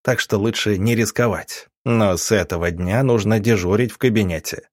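Man voicing a cunning doctor, measured, cool, husky tone, dry recording. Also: lowish voice, no room sound, lightly acted. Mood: calm. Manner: calm, measured, turning cold. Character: calm, cunning male country doctor.

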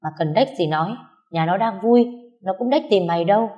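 A woman voicing a blunt, foul-mouthed young woman who loudly scolds her friend. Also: fairly low pitch, fast talker, muffled recording, close to an everyday voice. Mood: scolding. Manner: scolding, harsh and loud.

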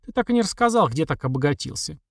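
A man voicing a blunt, sharp-tongued young woman in an audiobook reading. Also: very animated, fast talker, creaky, dry recording, clean studio sound, full character voice. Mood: calm. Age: young adult. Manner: raised pitch for the girl.

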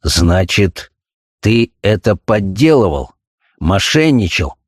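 A man's voice: deep voice, very animated, takes it slowly, slightly rough, in a large hall, heavily acted. A man voicing a distraught middle-aged doctor and father in a spoken story, agitated and near tears.

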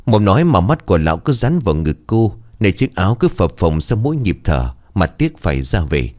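A man narrating a dramatic story in an expressive, measured way. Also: deep voice.

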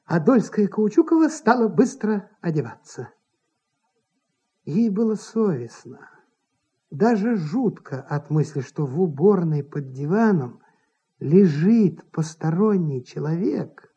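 A narrator reading a classic story with lively theatrical delivery, in a dull old radio recording. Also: medium pitch, takes it slowly, slightly rough. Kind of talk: 1950s staged story reading.

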